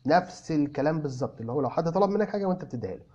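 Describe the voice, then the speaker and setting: A man's voice: a little high, expressive, rapid-fire, dark tone, slightly rough, dull audio. A man with an Egyptian Arabic accent, an English teacher answering viewer comments in casual chat, switching between Arabic and English phrases and addressing viewers by name. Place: in a car.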